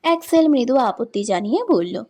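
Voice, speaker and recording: Female narrator for a romance audiobook, slightly high voice, steady delivery. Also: brisk. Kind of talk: scripted storybook narration.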